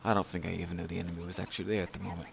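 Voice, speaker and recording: Drunk man with a low, gravelly voice. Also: little pitch movement, racing, background noise. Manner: rambling, losing his train of thought. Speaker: gameplay tutorial narrator. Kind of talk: casual video game commentary.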